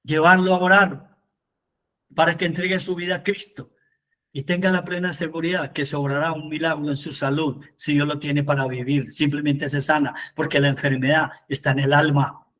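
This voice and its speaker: A man leads a Bible study as its preacher. His voice sits high for a man. He moves between reading scripture aloud and fervent appeals to the people listening. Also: little pitch movement, normal speed, fairly bright tone.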